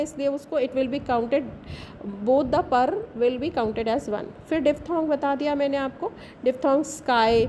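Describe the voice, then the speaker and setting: A woman's voice: high voice, a little mellow, a little hiss or hum. A woman teacher, explaining a bilingual lesson step by step and often checking with "right?". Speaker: English teacher.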